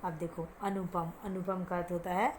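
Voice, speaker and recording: Teaching children Hindi vocabulary, this woman poses questions and answers them herself, slips in English words, and slowly, carefully pronounces difficult words for the pupils to repeat. Her delivery is flat and on the low side, over a little hiss or hum.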